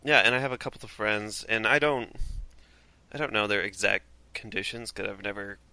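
Minnesotan man, casual podcast talker, low but bright tone, self-deprecating. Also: fairly even intonation, fairly quick, dry recording. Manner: rambling, laughs often, self-deprecating.

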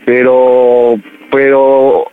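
A man's voice: medium pitch, completely flat delivery, drawn-out words, clean tone, narrow, tinny audio. A man on a radio prank call, hesitant and stammering as he pleads to be accepted. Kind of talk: prank call, playing a nervous son. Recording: radio broadcast with music behind.

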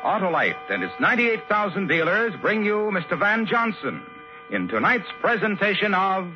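A man with an American accent reads scripted announcements and sponsor copy in the style of a 1950s radio announcer, his voice sitting high with big pitch swings at normal speed. The sound is a muffled 1950s radio broadcast with some music.

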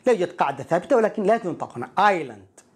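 A woman teaching English pronunciation, repeating each word slowly and clearly so learners can copy it. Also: on the low side, sing-song, darkish tone. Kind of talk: pronunciation lesson with repetition drills.

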